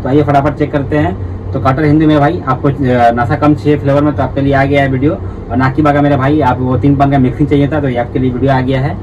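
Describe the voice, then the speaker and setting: A man's voice: medium pitch, level tone, fast talker. Hookah tutorial host, man, repetitive, friendly; distant camera mic, muffled and noisy. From India. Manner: repetitive, chatty, addresses viewers as brothers. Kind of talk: casual how-to demonstration. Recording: distant, dull audio with background noise.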